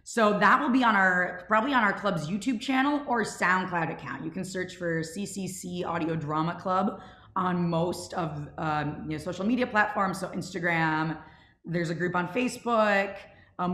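A young woman with a lowish, slightly bright voice casually moderates a question-and-answer session on a group video call. She's from a student audio drama club and calls in from home, with the video call microphone giving a roomy sound.

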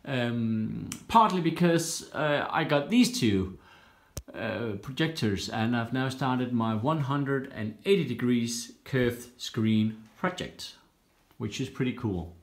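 A man talks through his do-it-yourself project in a casual walkthrough, stopping often with small "uh" pauses as he explains. His voice sits at an ordinary middle pitch. The handheld phone picks him up in a bare, roomy space that echoes around him. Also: lively intonation. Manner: explains steps plainly with many "uh" pauses. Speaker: home cockpit builder. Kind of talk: casual build-log walkthrough. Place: indoors in a home workshop room. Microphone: handheld phone camera. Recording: roomy echo in a bare room.

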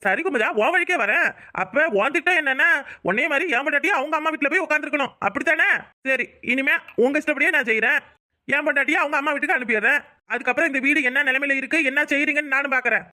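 A woman's voice: sits high, very fast, sharp tone. A woman voicing an exasperated young married son in a Tamil cartoon, with a southern Tamil accent, speaking bluntly and confronting his mother. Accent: southern Tamil Nadu. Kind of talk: cartoon voice acting.

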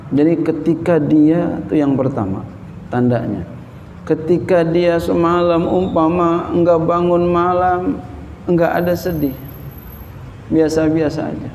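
A man's voice: a little high, fairly even intonation, unhurried, gravelly, a little mellow, lo-fi sound. A man preaching a sermon in a conversational way, quoting scripture and explaining it in plain terms. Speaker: Islamic preacher. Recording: long hall reverb with faint background noise.

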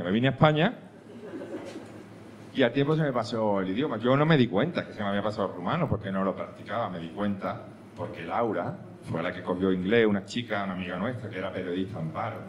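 Man doing animated stand-up. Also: fairly low pitch, fast talker, dull audio, slight background noise. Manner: animated storytelling, swings between hushed asides and loud punchlines. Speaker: stand-up comedian. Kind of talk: stand-up comedy monologue. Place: comedy club stage with audience. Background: audience laughter.

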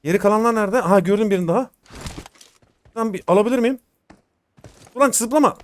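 A man's voice: sits high, rapid-fire, slight background noise. A young man giving live gameplay commentary as a gaming host, informal and slangy, talking to his viewers as friends.

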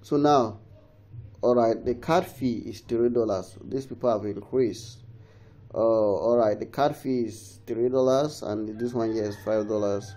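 A man with a cold hosts a casual, screen-recorded phone tutorial, rambling, often restarting sentences and urging viewers along. His voice is fairly low and mellow, with fairly even intonation and a measured pace.

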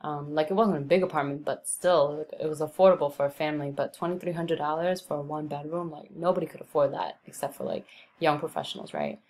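Talking fast in a low voice, a young Brooklyn woman walks viewers through her New York neighborhood in a screen recording, rambling casually and filling her speech with ums and likes.

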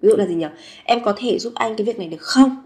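A woman's voice: a little high, darkish tone. Vietnamese woman teaching phrases expressively. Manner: repeats phrases slowly and expressively. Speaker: Korean language teacher. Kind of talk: language lesson.

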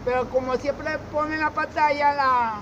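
A middle-aged man from Zulia with a Venezuelan accent, answering a street interview haltingly and often repeating words. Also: extremely high pitch, fairly even intonation, crowd noise. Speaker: interviewee, former street newspaper seller. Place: outdoor fruit stall on a city street. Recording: muffled, with loud street noise.

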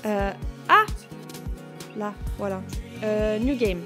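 A woman streamer chatting casually while playing a game, excitable and slangy, laughing often and thanking her chat. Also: mid-range voice, slow pace. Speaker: Twitch streamer. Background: faint game music.

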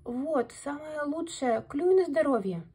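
A woman's voice: high-pitched, animated, measured pace, dark tone, pitched above the performer's own voice. A woman voicing a meek, stammering father hare in a storybook tale. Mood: timid.

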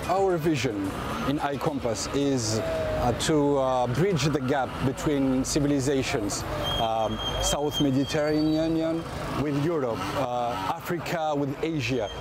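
A man's voice: medium pitch, slow, loud music behind the voice. A man in his forties with a Tunisian accent, speaking in an interview as a startup co-founder. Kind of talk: interview answers.

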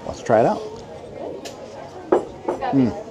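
A man's voice: takes it slowly, heavy background noise. A man in his forties filming a casual vlog on a handheld phone, chatty and upbeat as he talks to his viewers. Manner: upbeat, chatty, tells the viewers what he sees. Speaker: travel and food vlogger. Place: outside a restaurant at night, then inside a diner. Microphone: handheld phone camera at arm's length.

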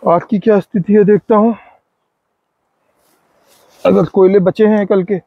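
A man's voice: high voice, measured pace, vocal fry, phone-quality sound. Chatty man vlogging at a forest camp. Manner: relaxed, chatty, talks to viewers and friends. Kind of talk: casual camping vlog narration. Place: outdoors at a riverside forest campsite. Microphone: phone camera held close.

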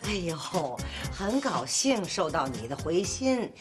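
An actress playing a feisty, jealous older wife who scolds and mocks loudly. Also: female voice, on the low side, very animated, takes it slowly. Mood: mocking. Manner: loud scolding and mocking. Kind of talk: TV sitcom acting. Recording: TV drama with background music. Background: background music.

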